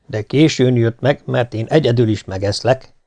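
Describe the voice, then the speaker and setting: A man reading a folk tale, voicing a menacing old giant in slow, loud, drawn-out threats. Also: medium pitch, dry recording, lightly acted. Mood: threatening. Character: huge old male giant, menacing and boastful.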